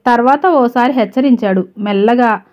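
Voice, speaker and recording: At normal speed, a female storyteller with a fairly high voice reads a scripted tale in an even, steady manner. The audio comes across slightly dull and lo-fi.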